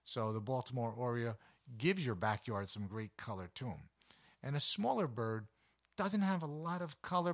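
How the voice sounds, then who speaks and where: Chatty deep-voiced man. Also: a bit bright. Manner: chatty, enthusiastic, with frequent fillers. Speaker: nature show host. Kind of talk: casual talk about backyard birds.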